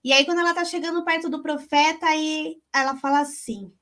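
High-voiced chatty woman. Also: steady tone, brisk, a bit bright. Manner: chatty and emotional, addresses listeners as gente. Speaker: co-host. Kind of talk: casual Bible talk with personal story.

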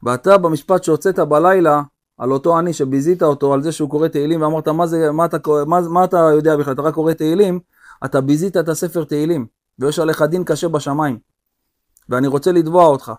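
A man's voice: on the high side, steady tone, close to an everyday voice. A male teacher voicing a stern old king who firmly lays down conditions for forgiveness. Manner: firm, commanding, emphatic. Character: stern old king judging a sinner, solemn.

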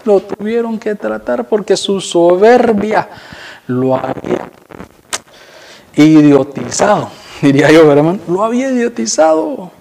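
A man's voice: very animated, measured pace, creaky, darkish tone, a little hiss or hum. Fiery preacher man, repeating "brother". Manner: addresses listeners as "hermano" constantly; acts out quoted voices with rising pitch and volume. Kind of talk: sermon.

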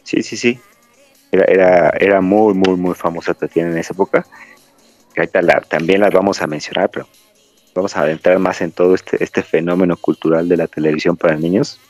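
A Mexican podcast host chats casually, rambling and digressing as he tells stories. His low voice holds a steady tone, fairly quick and a little mellow, with soft music in the background. The audio is dry, slightly dull and lo-fi.

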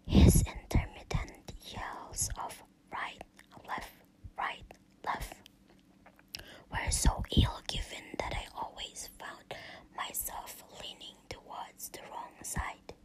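A woman telling a first-person story in a slow, unvoiced whisper, in the style of a whispered storytelling recording. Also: low-quality recording.

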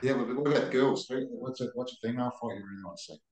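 A man's voice: mid-range voice, racing, darkish tone, echoey room. A man with a broad New Zealand accent chatting casually about combat sports as a podcast co-host, in a blokey, sweary way. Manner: blokey, sweary, ends remarks with "eh".

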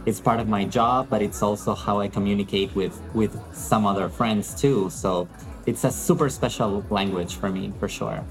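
A man's voice: lowish voice, moderate pace, gravelly, soft background music, low-quality recording. A man from Peru, an English teacher, talking in a friendly, thoughtful way as an interview guest, with some fillers. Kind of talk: interview conversation.

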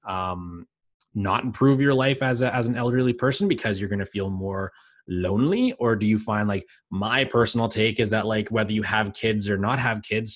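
A man's voice: fairly low pitch, no room sound, clean studio sound. A man in his late twenties co-hosting a podcast, rambling casually with lots of filler words and easy laughs. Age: late 20s. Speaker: podcast co-host. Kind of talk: casual chat.

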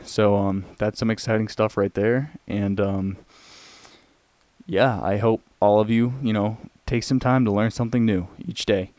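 A young man hosting a casual solo podcast, talking in a rambling, halting way. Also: fairly low pitch, steady tone, a little mellow, no room sound. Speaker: podcast host.

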